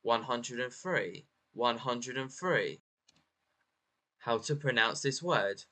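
A man leads a slow pronunciation drill in a mid-range voice. He chops each number into syllables before repeating it whole, with a bright, crisp tone. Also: medium pitch, animated. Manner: breaks words into syllables, then repeats them. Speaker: pronunciation narrator.

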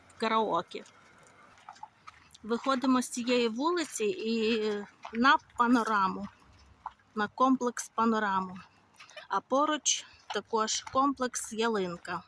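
A woman's voice: fairly high pitch, slow pace, long pauses, a bit bright, a little hiss or hum. A woman from Ukraine chatting casually as she walks outdoors through resort streets, filming on a handheld phone. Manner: chatty, conversational, with fillers. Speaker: vlogger. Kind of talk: casual walking tour vlog.

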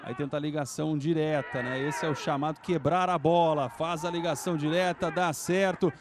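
A Brazilian man giving excited live play-by-play football commentary, exclaiming and stretching out his big calls. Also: fairly high pitch. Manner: exclamatory, with drawn-out shouted calls.

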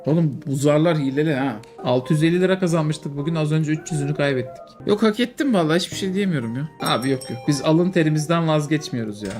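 A man with a voice sitting a little high for a man talks through a game in a loose, casual way. He jokes, exclaims and swears freely as things go wrong, with faint music playing under him. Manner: excitable, joking, quick to exclaim and swear. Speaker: streamer. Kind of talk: casual gameplay commentary.

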